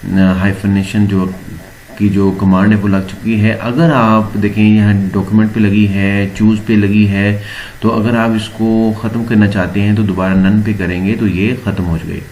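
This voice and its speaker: A man explaining a word processor step by step in a screen-recorded tutorial, pausing often with filler sounds. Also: lowish voice, slight background noise. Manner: steady explaining with frequent filler pauses. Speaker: computer teacher.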